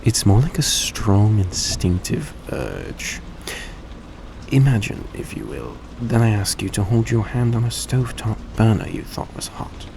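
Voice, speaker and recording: Here the vampire character, a kind and courteous man paying back what he owes, is relaxed and explaining things in an exaggerated voice. The delivery stays deep, slow and gravel-creaked, with formal, polite, slightly faltering phrasing typical of intimate listener-directed roleplay. Background noise runs steadily throughout.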